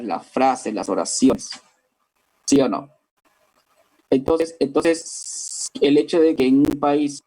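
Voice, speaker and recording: A man's voice: medium pitch, a little mellow, rough recording. A man with a Lima Peruvian accent, teaching a language class step by step and often asking his listeners whether they follow. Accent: Peruvian Spanish, Lima. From Peru. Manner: explains step by step, keeps checking with listeners. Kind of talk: classroom lecture.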